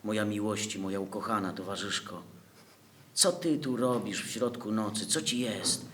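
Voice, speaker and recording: A man's voice: medium pitch, big pitch swings, normal speed, noisy background, close to an everyday voice. An actor playing a passionate male revolutionary leader in exile, reading on a theatre stage in a declamatory, pleading way. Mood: tender.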